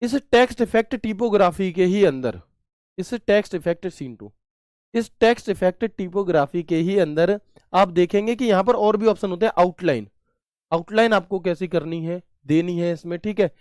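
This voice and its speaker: A man's voice: sits high, moderate pace, darkish tone, clean tone, no room sound, studio quality. A man teaching a computer class online, chatty, asking questions and answering them himself with homely examples.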